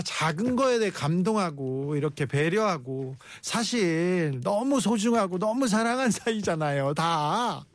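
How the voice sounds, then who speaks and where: A man's voice: high voice, dry recording. A man hosting a radio show, reading listener messages aloud and cheering people on in a chatty way. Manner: warm, chatty, reacts to listener stories with encouragement.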